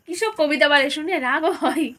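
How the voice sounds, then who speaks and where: A woman's voice: high voice, fairly quick, pushed and bright. A young woman, talking casually through her evening at home in a vlog, her throat a little scratchy. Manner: chatty, rambling and self-correcting. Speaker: vlogger.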